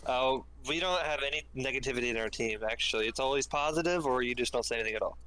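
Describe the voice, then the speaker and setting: A man's voice: medium pitch, quick pace, pushed and bright, a little hiss or hum, rough recording. A man talking as a guest player in a casual chat, matter-of-fact and dry.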